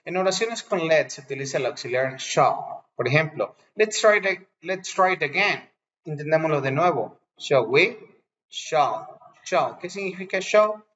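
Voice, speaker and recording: A man's voice: fairly high pitch, lively intonation, a little slow, a bit bright. Bilingual man teaching English grammar. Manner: explains patiently, switches between Spanish and English examples. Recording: dull lo-fi recording.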